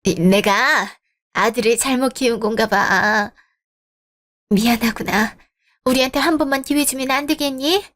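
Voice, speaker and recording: A woman playing a pushy, high-voiced mother-in-law. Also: unhurried, a bit bright. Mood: pleading. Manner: wheedling, self-justifying. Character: pushy scheming middle-aged mother-in-law. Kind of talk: scripted radio drama.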